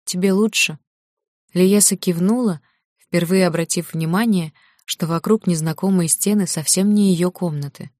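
An audiobook narrator, a woman, reads a fantasy novel in a calm, even storytelling style. Her voice sits on the low side at a normal speed, recorded in a clean studio with no room sound.

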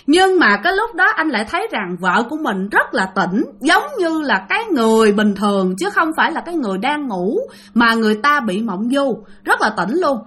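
A woman's voice: fairly high pitch, sing-song, a little fast, fairly bright tone, breathy edge. Chatty Southern Vietnamese woman telling ghost stories. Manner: chatty, addresses listeners often. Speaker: storyteller. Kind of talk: casual ghost-story telling.

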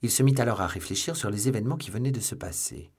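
A man reading a classic novel aloud as an audiobook narrator, in measured, expressive narration. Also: fairly low pitch, husky. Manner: measured and expressive, voicing the characters. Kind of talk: scripted literary narration.

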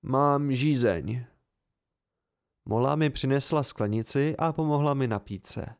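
Male amateur audiobook narrator, calm and steady, mid pitch. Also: smooth. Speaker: audiobook reader.

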